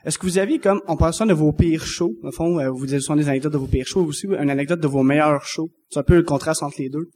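A man's voice: fairly high pitch, fast talker, a little mellow, a little hiss or hum. A man interviewing guests, rambling through his questions and restarting them.

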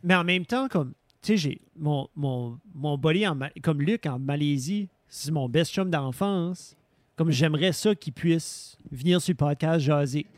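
A man's voice: on the high side, measured pace, darkish tone, no echo. A man co-hosting a casual podcast chat, speaking full of English words. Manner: chatty, mixes English into French. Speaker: podcast co-host.

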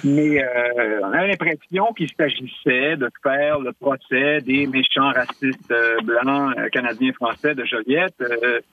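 Québécois analyst guy calling in, tinny phone line, kinda husky, lots of euh. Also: medium pitch, measured pace, few pauses. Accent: Québécois French. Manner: hesitant, many fillers, animated. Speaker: political analyst guest. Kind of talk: radio talk show conversation.

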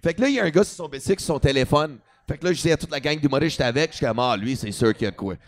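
A man's voice: a little high, racing. A man comedian with a Quebec French accent telling a story in a casual talk, switching into English and swearing freely.

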